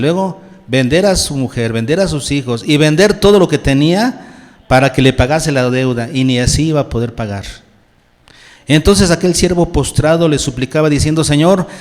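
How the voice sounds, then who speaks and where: A man's voice: mid-range voice, big-room sound. A male pastor preaching a sermon, putting questions to his congregation and answering them himself. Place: church.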